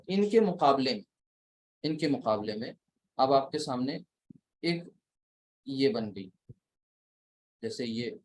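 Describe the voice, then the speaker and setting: Slow, deliberate male grammar teacher. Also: mid-range voice, low-quality recording. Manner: slow, deliberate, counting letters one by one. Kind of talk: recorded lecture at a writing board.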